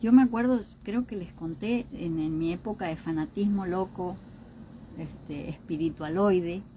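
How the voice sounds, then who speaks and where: A woman's voice: fairly low pitch, dark tone, a little hiss or hum, low-quality recording. A woman giving an informal teaching talk on emotional healing. She keeps checking in with her listeners through short questions. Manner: acts out other people's remarks in quoted voices.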